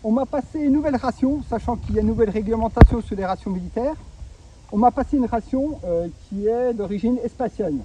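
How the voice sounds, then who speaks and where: High-voiced man reviewing a ration pack. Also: fast, dark tone, a little hiss or hum, low-quality recording. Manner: chatty, explains step by step, gives safety warnings. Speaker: gear reviewer. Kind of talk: casual ration unboxing review.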